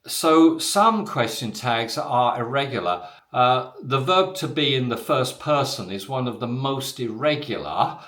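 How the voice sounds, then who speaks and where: A male English teacher giving a lesson at an unhurried, careful pace. His pitch swings widely as he exaggerates rising and falling intonation, with plenty of "uh" and "so" fillers. The room adds a noticeable echo. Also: expressive, a bit bright. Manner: slow, deliberate delivery with exaggerated rising and falling intonation on examples; frequent "uh" and "so" fillers.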